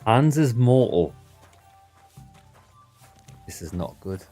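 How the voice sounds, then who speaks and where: A man commentating casually on a live game stream. His voice sits a little low, with dry, wry asides over faint game music. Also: big pitch swings, takes it slowly, dark tone, slightly rough.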